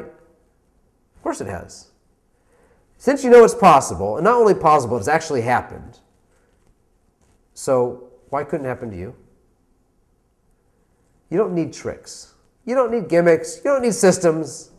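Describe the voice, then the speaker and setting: A man's voice: fairly high pitch, very animated, moderate pace, pauses often. A man, a rabbi, giving an inspirational talk, telling stories and asking emphatic rhetorical questions.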